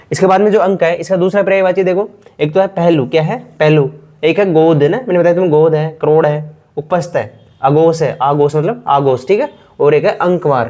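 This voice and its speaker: A man's voice: a little high, darkish tone. A man teaching a grammar lesson for exam preparation, casual and repetitive, keeps asking and answering his own questions. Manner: repetitive, quizzing himself aloud; casual, addresses students as bhai.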